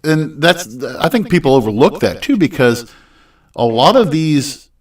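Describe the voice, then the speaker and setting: A man's voice: a little high, lively intonation, a little slow, distant mic. A man co-hosting a casual podcast, talking politics in a rambling, hesitant way full of restarts. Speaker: podcast co-host.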